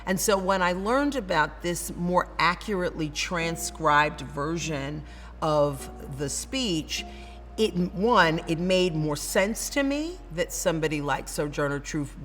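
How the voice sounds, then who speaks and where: A woman literature professor with a Northern US accent and a lowish voice gives a dramatic reading followed by reflective commentary. She speaks earnestly, building her points through repeated phrases, and the sound has a big-room quality.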